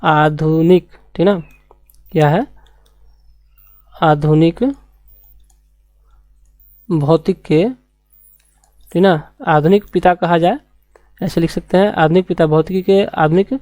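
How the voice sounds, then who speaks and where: Woman teacher going over science basics, lowish mellow voice, dry close sound, keeps repeating words and asking questions. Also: fairly even intonation, no echo. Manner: repeats key terms slowly, asks rhetorical questions. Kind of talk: classroom lecture.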